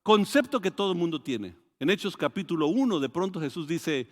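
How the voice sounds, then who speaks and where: A man with a Mexican Spanish accent preaching a sermon, animated and full of restarts, acting out quoted voices with sudden loud rises. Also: fairly high pitch, brisk. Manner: hesitant restarts and repeated words. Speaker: pastor. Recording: long hall reverb.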